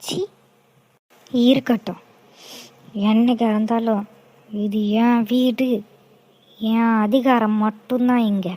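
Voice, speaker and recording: A woman's voice: a little high, fairly even intonation, slow, pauses often, warm tone, dry recording, poor audio. A woman voicing a jealous, scheming young woman who mutters scornful asides in a cartoon. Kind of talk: cartoon voice acting.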